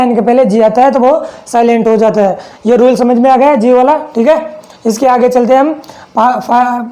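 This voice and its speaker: A man's voice: extremely high pitch, warm tone, rough recording. A man teaching an English lesson with a Hindi accent, repeating points and asking rhetorical questions to check understanding. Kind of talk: classroom lesson.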